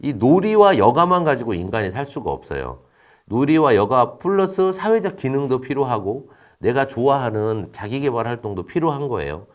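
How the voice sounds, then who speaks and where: A man giving a recorded lecture in an explanatory tone, asking questions and then answering them himself, with frequent fillers. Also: moderate pace. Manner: explanatory, asks and answers his own questions; frequent fillers, lively rises and drops in pitch.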